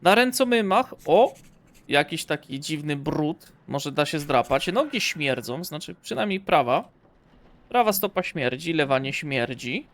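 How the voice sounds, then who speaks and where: A man's voice: on the high side, expressive, measured pace, fairly bright tone. A young man giving playful let's-play commentary, joking and talking to the corpse and the game as he plays. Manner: jokey, talks to the corpse and the game. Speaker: gamer streamer.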